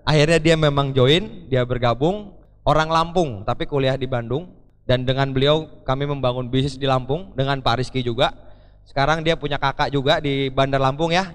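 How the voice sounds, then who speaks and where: A man giving a live motivational talk to an audience on stage, telling stories, acting out what people said and often turning back to the crowd. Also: medium pitch. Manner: lively storyteller who acts out quoted dialogue and keeps addressing the audience. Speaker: motivational speaker. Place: large event hall. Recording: live hall recording with long reverb.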